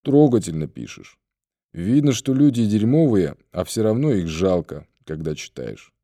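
Man playing gruff middle-aged man, wry and offhand, low dark voice, audiobook. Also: big pitch swings, normal speed, no echo, clean studio sound.

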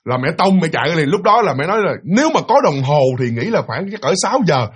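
Husky, fast-talking male ghost storyteller. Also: on the high side, sing-song. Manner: chatty and dramatic, mimicking voices. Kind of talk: spoken ghost story telling.

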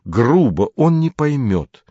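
A man's voice: mid-range voice, big pitch swings, slow, mellow, dry recording, dull audio, voice pushed up. A man reading an audiobook, voicing a clever, smug teenage boy who mocks sweetly and sounds pleased with himself. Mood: smug, needling. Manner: sweetly mocking, self-satisfied.

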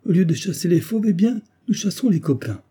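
A man doing an excitable, hearty army captain. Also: high-pitched, brisk, slightly rough, pitched above the performer's own voice. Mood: eager. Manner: excited, exclamatory. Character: hearty male army captain, impulsive, eager hunter.

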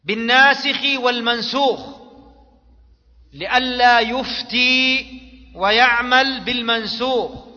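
With an extremely high, sharp-toned voice, a man teaching as a religious scholar lectures slowly on jurisprudence, leaving long pauses. He asks his students fill-in-the-blank questions and repeats important words, captured in a dull, lo-fi recording from an echoey hall.

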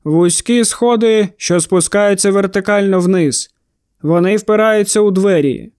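A man voicing a weary, gloomy male doctor in an audiobook, speaking quietly and tersely. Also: sits high, measured pace, no room sound, studio quality. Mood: grim. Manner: quiet, grim, clipped. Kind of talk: audiobook character voice.

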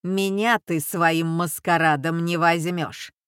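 A woman's voice: on the low side, fairly even intonation, slow pace, a bit bright, clear, resonant tone, no room sound, clean studio sound. Woman voicing a scornful old bandit mother. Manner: commanding, scornful. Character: ruthless old female bandit, gang mother.

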